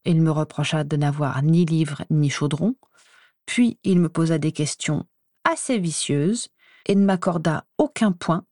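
A woman reading a first-person story aloud in an even, measured way. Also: fairly low pitch, dry recording, studio quality. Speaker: audiobook reader.

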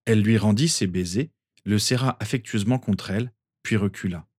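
A man narrating a story as an audiobook, measured and expressive. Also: on the low side, dry recording, studio quality.

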